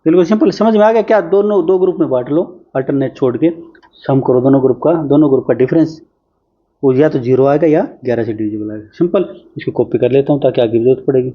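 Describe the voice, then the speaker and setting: A man teaching exam-prep math, talking his way briskly through each problem in a chatty, informal way. His voice sits at a middle pitch. The recording is a little dull and lo-fi. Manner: brisk, chatty, talks while solving on screen.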